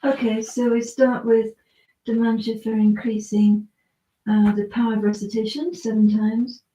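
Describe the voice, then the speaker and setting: A woman's voice: fairly high pitch, little pitch movement, normal speed, warm tone. A woman leading a prayer practice from inside a cave, reciting a liturgy steadily, her voice carrying the cave's echo. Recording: echoey cave, voice far from mic.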